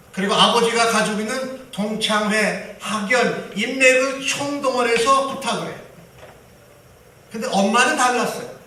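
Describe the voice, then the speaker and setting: High, bright-voiced preaching pastor. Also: male voice, distant mic. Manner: storytelling, emphatic. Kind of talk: sermon. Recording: echoey hall from afar, faint hiss.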